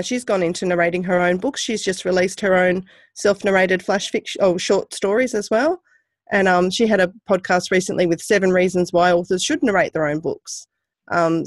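A woman's voice: on the low side, no room sound, studio quality. A woman guest on a podcast who narrates her own books, giving thoughtful, practical explanations in a casual chat. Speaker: guest author and self-narrator.

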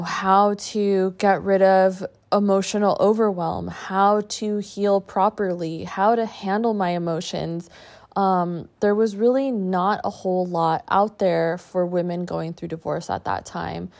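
A woman with a slightly low voice speaks at a very slow pace. She delivers a personal, reflective monologue as a podcast host and coach. Her phrases come short and halting, with pauses between thoughts. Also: a little mellow.

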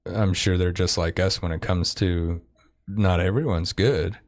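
A man talking in a relaxed group podcast chat, musing and reflective as he thinks out loud. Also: low-pitched, unhurried. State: married. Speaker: podcast co-host.

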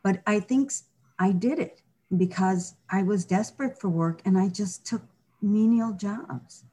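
Here a middle-aged woman speaks a little slowly in a mellow, medium-pitched voice with a breathy edge. Giving a candid personal interview as the guest, she sounds earnest and reflective, frequently restarting sentences and dropping in "you know".

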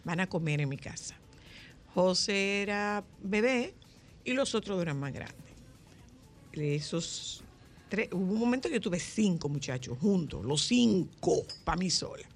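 A woman with a Dominican accent, hosting a casual chat and telling lively stories, acting out the dialogue. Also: on the low side, unhurried, soft background music. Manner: lively storyteller, acts out dialogue.

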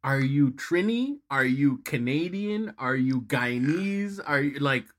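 A man hosting an interview who gives a measured introduction and then asks quick, curious questions. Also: medium pitch, lively intonation, fairly bright tone. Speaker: host.

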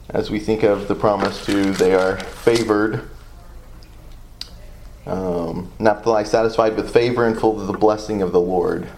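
A man's voice: on the low side, a little mellow, a little hiss or hum, poor audio. A man with a Southern US accent leading a Bible study, thinking aloud in a loose, hesitant way as he reads and discusses scripture.

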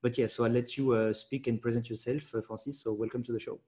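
A man's voice: medium pitch, little pitch movement, darkish tone. Hesitant male podcast host. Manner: halting, filler-heavy questions. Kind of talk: podcast interview.

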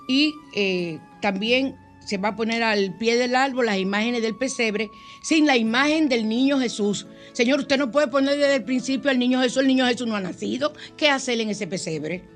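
Older woman hosting a radio show. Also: mid-range voice. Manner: affectionate, emotional, chatty. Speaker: radio host. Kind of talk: spiritual radio call-in show.

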